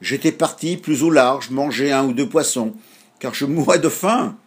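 A man voicing a cheerful, bossy seagull in a storybook reading, with a husky voice and a lively, exclaiming manner. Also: medium pitch, moderate pace, pitched above the performer's own voice, natural voice. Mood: defensive.

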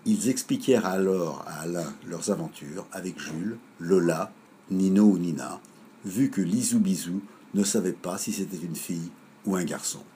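A man reading a children's story aloud in a measured, lively way. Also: deep voice, a little hiss or hum.

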